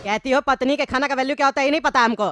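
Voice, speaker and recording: A woman voicing a quarrelsome grown man, a short-tempered husband and father, bickering fast and angrily. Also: sits high, a bit bright, faint music behind. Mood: grumbling. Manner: rapid angry bickering. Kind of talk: cartoon voice acting.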